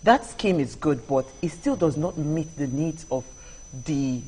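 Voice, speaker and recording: A woman's voice: low-pitched, lively intonation, unhurried, a little mellow, slight background noise, rough recording. A woman with a Nigerian accent, a talk show co-host asking questions in a chatty way, with many fillers. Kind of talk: studio talk show interview.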